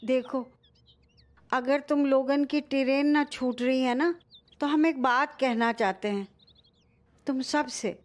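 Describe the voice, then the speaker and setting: A slow, high-voiced old mother. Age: older. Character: stern older mother scolding her family. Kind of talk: sitcom acting.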